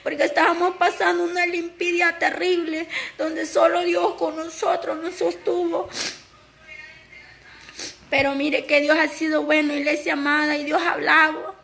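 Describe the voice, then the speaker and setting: A woman testifies before her church with a very high, gravelly voice that stays almost level in pitch. She speaks with fervent, tearful conviction, calling out to the congregation as she tells her story. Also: flat delivery, unhurried, fairly bright tone. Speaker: pastor's wife giving testimony.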